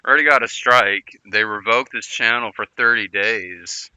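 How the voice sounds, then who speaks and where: A man's voice: on the low side, moderate pace, pushed and bright, clear, resonant tone, dry recording. A man chatting casually on a livestream, rambling and often repeating and restarting his words. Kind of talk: casual stream chat.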